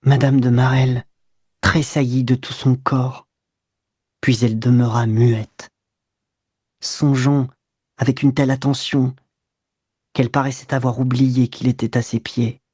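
A woman narrates a novel in a measured, unhurried reading. Her voice is husky and mellow, and the dry, close sound suits an audiobook. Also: extremely low pitch, little pitch movement, dry recording. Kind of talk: scripted narration.

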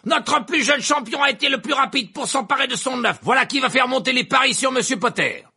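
A man voicing an excited male announcer who shouts over a crowd. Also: very high-pitched, a little fast, gravelly, husky, pitched above the performer's own voice, exaggerated voice.

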